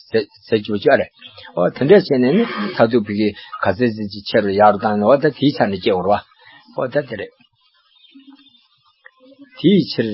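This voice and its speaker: A man's voice: medium pitch, breathy edge. Older man teaching, dull lo-fi recording. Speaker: monastic teacher. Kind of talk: religious teaching talk. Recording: dull lo-fi recording with faint background hiss.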